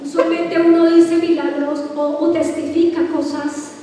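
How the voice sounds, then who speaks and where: High-voiced woman preaching in a hall. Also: flat delivery, background noise. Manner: preaching with call-and-response questions, drawn-out emphatic words. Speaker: pastor. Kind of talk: sermon. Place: large church hall. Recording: echoey hall from far off.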